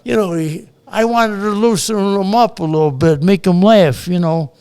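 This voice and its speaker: Old guy telling war stories, swears a lot, kinda high voice. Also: moderate pace, warm tone, smooth. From Chicago. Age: older. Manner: blunt, profane, acts out quoted voices. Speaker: storyteller guest. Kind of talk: casual storytelling.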